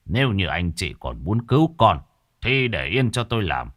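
A man voicing an old village exorcist who speaks in a stern, commanding, measured way. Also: low voice, sing-song, fairly bright tone, full character voice.

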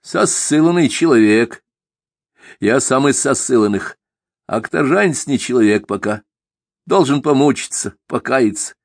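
Soft-spoken old holy man, tired and patient, slow and a bit higher, a guy doing the voice. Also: expressive, no echo, clean studio sound. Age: older. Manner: soft, patient, calls others "son".

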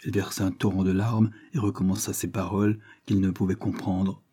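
A man narrating a classic novel aloud with measured, expressive delivery. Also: low voice, breathy edge. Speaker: audiobook narrator.

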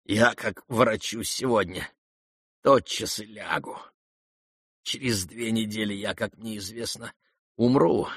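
A man voicing a dying young man, hoarse and weak, speaking quietly and tiredly with faint irony, in an audiobook reading. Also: on the low side, unhurried, long pauses, dry recording, clean studio sound, heavily acted. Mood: weary. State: hoarse, near whisper.

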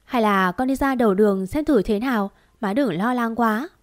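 Woman voicing a humble gentle village girl. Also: a little high, normal speed, no room sound, clean studio sound, natural voice.

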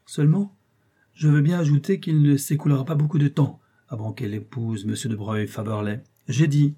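A man reading an audiobook, voicing a proud, quick-tempered aristocratic count who speaks in a curt, commanding way. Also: medium pitch, mellow, voice pushed up, lightly acted. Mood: haughty.

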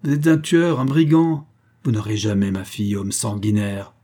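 A man voicing an angry, frightened old bourgeois father in an audiobook reading, raising his voice in shrill indignation. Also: animated, normal speed, warm tone, slightly rough. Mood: indignant.

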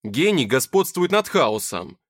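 A man's voice: mid-range voice, sing-song, a little slow, no room sound. A man voicing a sardonic, grumbling young man with a dry, sarcastic manner. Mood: wry.

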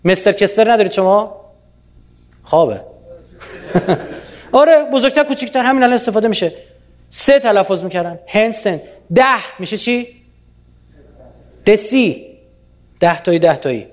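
A man from Iran giving a lively public lecture, often quizzing his audience with rhetorical questions. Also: sits high, pauses often.

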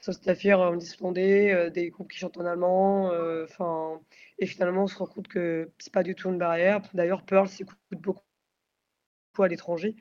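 A woman's voice: fairly low pitch, a little mellow. A woman who sings in a band answers an interviewer, weighing each phrase and filling gaps with hesitant fillers. The sound is a little dull and muffled. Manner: thoughtful, searching for words with many fillers. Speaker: singer of a post-metal band.

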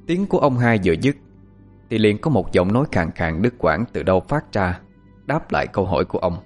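A man reads a scripted horror tale with a low voice that rises and falls expressively. Soft music plays faintly beneath. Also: a little fast. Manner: expressive, suspenseful. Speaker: storyteller.

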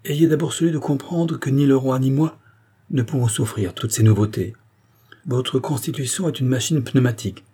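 A man's voice: medium pitch, moderate pace, dark tone, husky, voice pushed up, close to an everyday voice. A man voicing a haughty, imperious queen in an audiobook, speaking in a commanding and indignant way.

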